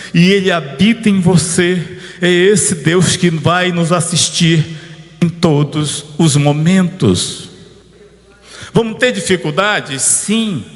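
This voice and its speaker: Slightly high-voiced man preaching in reverberant hall. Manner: informal, telling a personal story and calling out to the congregation. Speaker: pastor. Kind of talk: conversational sermon. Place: church service. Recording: long church hall reverb.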